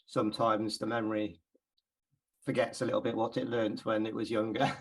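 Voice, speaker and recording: A man's voice: on the low side, level tone, moderate pace, low-quality recording. A man from England giving an informal Bible class talk, chatty and hesitant, with many ums and repeated words.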